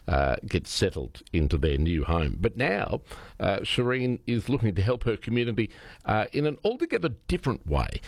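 A man's voice: sits low, no echo. A middle-aged Australian man presenting on local radio in a studio, talking casually and stumbling often over "uh" fillers. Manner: hesitant, many "uh" fillers.

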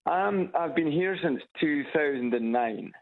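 A radio caller from Edinburgh, Scotland, chats casually over a tinny phone line on loudspeaker, his voice fairly high, expressive and unhurried with some vocal fry. He's hesitant, repeats his words, and chuckles at his own stories.

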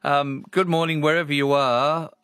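Speaking at a moderate pace in a higher, slightly bright voice with fairly even intonation, this Australian man hosts a radio show. He chats and rambles casually and reads out messages from listeners, and the recording is dry.

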